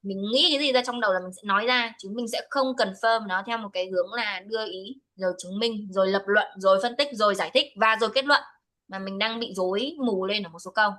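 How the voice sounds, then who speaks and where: This speaking teacher delivers one-on-one test feedback by video call, mixing English and Vietnamese as she corrects the student with a firm hand. Her mid-range voice comes across fast, bright and forceful despite the poor-quality recording.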